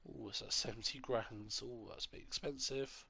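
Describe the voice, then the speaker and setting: A man with a stuffy nose plays a farming game for his channel, offering casual, rambling commentary as he thinks aloud. At normal speed, his medium-pitched voice stays fairly even, sounding creaky and sharp with a breathy edge.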